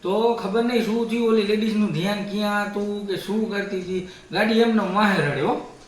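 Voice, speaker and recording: A man's voice: high-pitched, moderate pace, slight background noise. A man casually telling a story on a family vlog, acting out what others said. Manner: animated retelling with acted-out quotes. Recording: very echoey room, distant mic.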